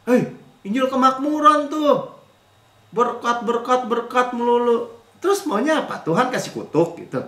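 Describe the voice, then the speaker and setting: A man preaches in a church, his voice high and full of swooping, lively pitch. He jumps from loud mocking impressions of grumblers to quiet, almost offhand asides. The room gives his voice a clear, roomy echo. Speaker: pastor. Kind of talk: sermon.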